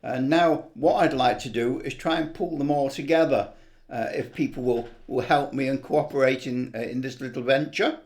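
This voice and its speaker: Speaking at a moderate pace in a mid-range, slightly mellow voice, an older or middle-aged man enthusiastically rambles through his hobby video. It's relaxed, unscripted vlog-style talk.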